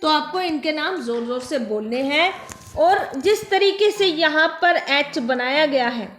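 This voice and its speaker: A high-voiced woman teaches young children their letter sounds. She speaks slowly and patiently, repeating each word and asking questions back. The recording is echoey, with faint music behind her. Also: animated, a bit bright. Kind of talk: phonics lesson for young children.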